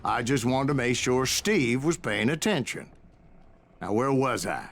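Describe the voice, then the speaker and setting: An actor playing a cantankerous old American gunslinger, telling tall tales in a folksy, profane way for a western video game. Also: male voice, medium pitch, animated, a little slow, gravelly. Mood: folksy storytelling. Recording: game audio under loud music.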